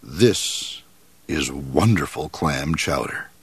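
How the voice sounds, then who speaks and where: A man voicing a big, calm, formal moose in a storybook, speaking slowly and gravely. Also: a bass voice, no echo, pitched below the performer's own voice, heavily acted. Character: big, calm, lordly male blue moose.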